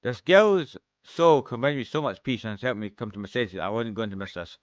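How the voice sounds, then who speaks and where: A man with a Scottish accent playing through a game, reading every character's lines aloud and shifting his pitch between the parts, close to the mic. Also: animated, brisk, clear, resonant tone, dry recording, muffled recording. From Scotland. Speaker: let's-play streamer.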